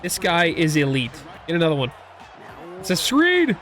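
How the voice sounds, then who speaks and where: Excitable high bright-voiced young man. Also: moderate pace. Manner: excitable, rambling, reacts loudly to big plays. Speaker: gaming YouTuber. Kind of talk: casual gameplay commentary.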